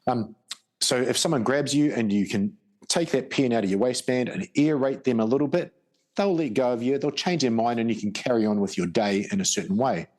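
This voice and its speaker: A man's voice: medium pitch, a little fast, a little mellow. Male interview guest, middle-aged, broad Kiwi accent. Blunt, colloquial, matter-of-fact explainer with a mid-range voice. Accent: broad New Zealand. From New Zealand. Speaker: guest, former special forces soldier and police officer.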